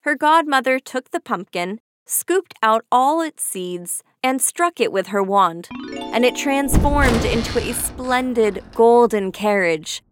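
A woman reads a fairy tale aloud in clear, measured storybook narration. Her voice sits a little high. The recording is close and dry, with no room sound. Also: expressive, dry recording, soft background music.

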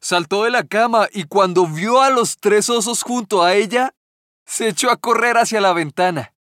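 Guy reading a kids' fairy tale, gentle and steady, fairly high voice, dry close sound. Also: dry recording. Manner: gentle, measured storytelling. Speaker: narrator. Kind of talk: scripted storybook narration.

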